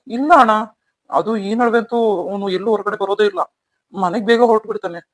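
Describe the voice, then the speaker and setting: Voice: medium pitch, quick pace, no room sound, close to an everyday voice. A voice actor playing an eager, respectful young male friend in a cartoon story.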